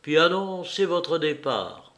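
Guy reading a book doing a cocky gentleman thief, bossy and sarcastic, bit higher voice. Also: expressive. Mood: commanding. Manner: brisk, ironic, giving orders. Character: cool, commanding gentleman burglar, adult man. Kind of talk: audiobook character voice.

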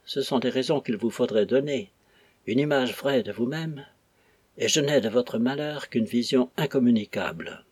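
A man's voice: medium pitch, normal speed, darkish tone, slightly rough, no echo, natural voice. A man reading a novel aloud, voicing an old, clumsy country priest who pleads with fervent anguish. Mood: anguished pleading. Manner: pleading, impassioned outbursts. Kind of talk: audiobook reading.

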